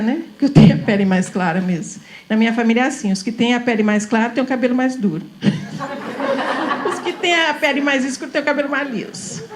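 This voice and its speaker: A middle-aged woman from São Paulo talks to a room of teachers in a high, lively voice. She lectures informally and chattily, laughs easily, and keeps tossing the audience little questions for agreement. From São Paulo, Brazil.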